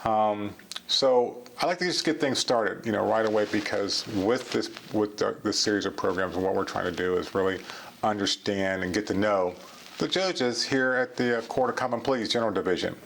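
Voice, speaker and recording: Male host, deep gravelly voice, genial and meandering questions, faint hiss behind. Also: a bit bright. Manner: halting, many restarts, genial. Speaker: interview host. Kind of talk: casual interview conversation.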